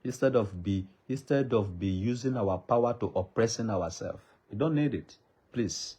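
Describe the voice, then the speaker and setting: A native Yoruba speaker from Nigeria, speaking with a Yoruba accent, is a traditional ruler making a fervent appeal to the public. His cadence is pleading and repetitive, much like a preacher's, and his mid-range voice is darkish and husky.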